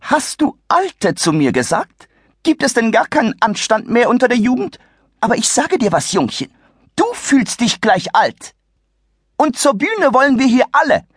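A man's voice: very high-pitched, big pitch swings, normal speed, husky, no echo, clean studio sound, voice pushed up, exaggerated voice. A man putting on a shrieking bossy older woman. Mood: indignant. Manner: shrieking, scolding, indignant.

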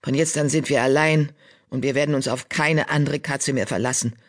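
A woman reading an audiobook, voicing a proud male cat clan leader who speaks gravely. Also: extremely low pitch, steady tone, a little fast.

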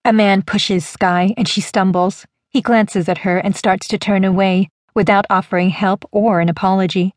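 A woman narrating a first-person audiobook in a measured, even storytelling manner. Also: mid-range voice, no echo, studio quality.

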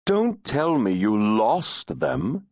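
A purring, mocking male fairy lord, voiced by a man reading an audiobook. He teases and taunts in a raised, lively voice that swoops with disdain. The sound is close and dry. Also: medium pitch, measured pace, no room sound, pitched above the performer's own voice. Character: insolent, teasing male fairy nobleman. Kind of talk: audiobook character voice.

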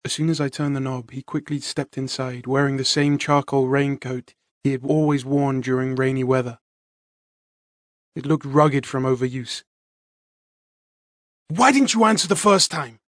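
A man narrates a story in the first person, measured and dramatic. His voice sits at a middle pitch and is recorded close and dry. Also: flat delivery, dry recording. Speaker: audiobook narrator.

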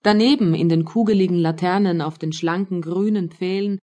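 A woman narrating a classic literary audiobook in a calm, measured storytelling manner. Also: on the low side.

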